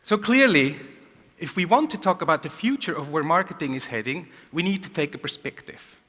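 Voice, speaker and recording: A man giving an energetic conference keynote to a large audience, asking rhetorical questions, heard in a reverberant hall. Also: a little high, a little fast, slightly rough. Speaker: keynote speaker.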